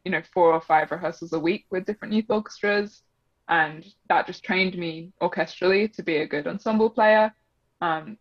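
A young double bass player with a mixed Australian and English accent and a voice on the low side is the guest in a relaxed interview chat, using many fillers and laughing often. The audio is dry, dull and slightly muffled.

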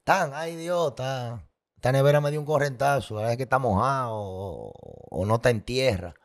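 A man's voice: medium pitch, moderate pace. A man telling his personal story as a guest, candid and emotional, with vivid sound effects and repetition.

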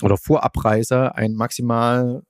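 A man's voice: medium pitch, little pitch movement, normal speed, dry recording, clean studio sound. A man hosting a podcast, explaining news in a casual, conversational way. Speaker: podcast host.

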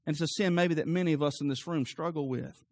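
A young adult man preaching a sermon in a church, moving from calm teaching to loud, fervent preaching. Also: a little high, quick pace. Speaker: pastor.

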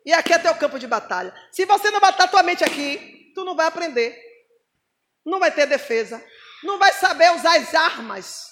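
A woman preacher, telling a testimony in a lively, mocking way and acting out the voices she quotes. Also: very high voice, brisk. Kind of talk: sermon with testimony.

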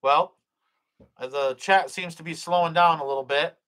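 A middle-aged man hosts a live stream, reading the chat aloud, blessing viewers and praying. His voice is a little high and a bit bright at a normal speed, and he speaks hesitantly with many fillers and restarts.

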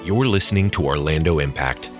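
A male announcer with an extremely deep voice delivers a scripted podcast introduction at an unhurried pace. Clear music plays behind him throughout.

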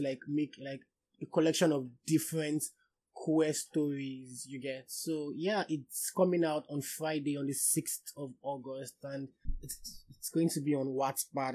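A young man with a Nigerian accent chatting casually as an excitable, slangy podcast guest. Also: medium pitch. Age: young adult. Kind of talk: casual chat.

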